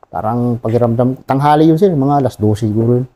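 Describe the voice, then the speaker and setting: A Filipino man in his thirties, a soldier who tells his war story in an interview. His voice is very dark and mellow at an ordinary middle pitch. He speaks haltingly and often tacks on a respectful "sir". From Philippines. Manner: plain and halting, often adds a polite "sir". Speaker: wounded soldier, interview guest.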